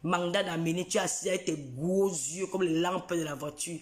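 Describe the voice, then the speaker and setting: A man's voice: high-pitched, normal speed, echoey room. Taunting man in his forties. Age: 40s. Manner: taunting, repetitive, mocking. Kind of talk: ranting live video.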